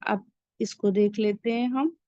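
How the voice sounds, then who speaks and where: A woman's voice: medium pitch, fairly even intonation, a little slow, no room sound. A woman teaching recitation rules, explaining each point patiently and repeating the important ones. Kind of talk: step-by-step recitation lesson. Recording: dull lo-fi sound.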